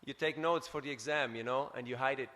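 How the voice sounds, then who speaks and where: A man from Switzerland giving a scripture class, telling stories in an animated way and tagging his points with "huh?". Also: medium pitch, fast talker, long reverb tail. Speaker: preacher. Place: temple hall.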